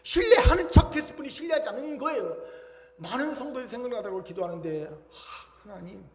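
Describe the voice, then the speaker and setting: A man's voice: extremely high pitch, big pitch swings, fast talker. A male pastor preaching a Sunday sermon, telling a story with emphasis and rising feeling. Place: church sanctuary. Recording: echoey church hall reverb.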